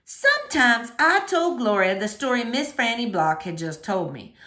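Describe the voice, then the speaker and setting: A woman with a slightly high, somewhat bright voice reads a children's novel aloud with expression, speaking as a storyteller to young listeners.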